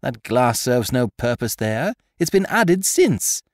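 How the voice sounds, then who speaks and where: The cocky gentleman thief gets a brisk, mocking, loud performance from a male audiobook narrator, who raises his pitch well above his own and adds lively swoops. Gleeful and taunting, the storybook scheme is recorded close and dry, with no echo.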